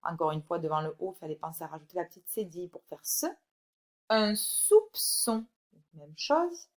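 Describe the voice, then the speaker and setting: A woman teaching a recorded phonics lesson to young children, reading words slowly and clearly and encouraging the child directly. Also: deep voice, sing-song. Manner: slow, clear, drawn-out word by word reading. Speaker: primary school teacher.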